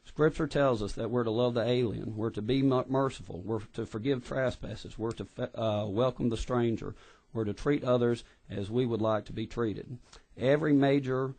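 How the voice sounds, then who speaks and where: A man's voice: medium pitch, normal speed, darkish tone. A man giving earnest, impassioned testimony at a legislative hearing, often restarting his words. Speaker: public witness at a legislative hearing. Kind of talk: formal testimony. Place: hearing room.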